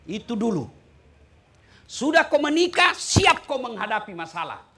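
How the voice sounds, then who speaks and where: A man's voice: very high-pitched, unhurried. A middle-aged male preacher with a Makassar Indonesian accent, giving a humorous sermon full of jokes. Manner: lively, joking, sings song snippets.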